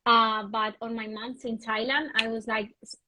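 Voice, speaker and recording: A woman's voice: fairly high pitch, little pitch movement, normal speed, background noise. A woman guest on a video-call interview, explaining her wellness program in an earnest, passionate way. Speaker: guest, wellness retreat host. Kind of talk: interview conversation.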